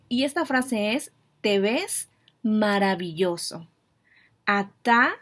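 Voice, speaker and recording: Slow-spoken woman teaching a language. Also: medium pitch. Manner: patient, repeats phrases slowly for learners. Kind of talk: casual video lesson.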